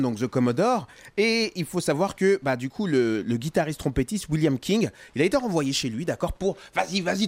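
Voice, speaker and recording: A man's voice: fairly high pitch, no echo. A man hosting a music radio show, chatting casually and playfully with plenty of fillers. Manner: chatty and playful, many fillers, chuckles at his own asides. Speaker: radio host. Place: radio studio.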